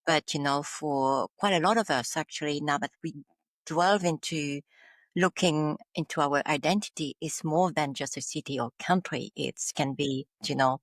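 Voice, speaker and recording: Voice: mid-range voice, normal speed, no echo. A podcast host who sums up the guest's answers and asks open, supportive questions. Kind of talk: interview conversation.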